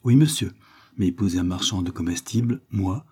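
A man's voice: deep voice, brisk, a little mellow, breathy edge. A man voicing a vain, prudish young woman with mincing, affected speech. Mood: haughty.

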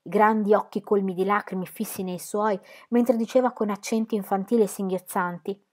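A woman reading a classic novel aloud as an audiobook, calm and even. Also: medium pitch, normal speed. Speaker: audiobook reader. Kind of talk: literary audiobook narration.

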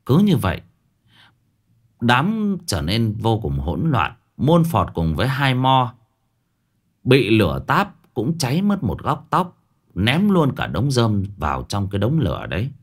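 A man narrating a ghost story in a lively, colloquial way. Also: mid-range voice, unhurried.

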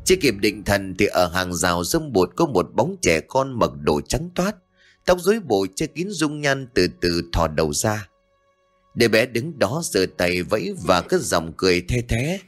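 A man tells a ghost story with suspense and drama. His pitch moves in a wide, animated way, and soft music plays faintly underneath.

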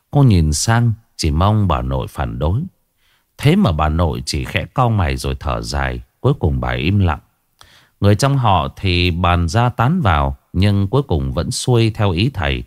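A man narrating a story in a slow, expressive, dramatic reading. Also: low voice, no room sound, studio quality.

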